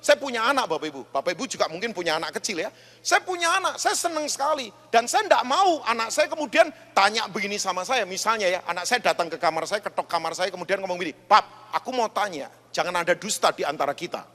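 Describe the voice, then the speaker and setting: A man preaching a sermon as pastor, telling stories and rising to shouts. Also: high voice, lively intonation, quick pace. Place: large church hall. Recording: echoey church hall.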